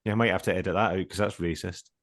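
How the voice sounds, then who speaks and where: A man's voice: low voice, fairly even intonation, rapid-fire. A man co-hosting a podcast in casual banter, blunt, joking and swearing freely. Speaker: podcast co-host.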